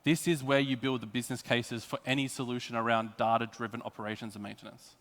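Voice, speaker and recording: An Australian man talks fast through a prepared technical conference presentation, his fairly bright, mid-range voice showing little pitch movement as he explains things emphatically. The hall is echoey with long reverb.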